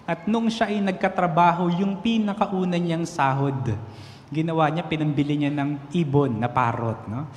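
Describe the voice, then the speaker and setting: A man preaching a sermon as a priest, telling jokes and stories in an animated way. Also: fairly high pitch, moderate pace. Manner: jokey storytelling, animated. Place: large church. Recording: echoey church hall.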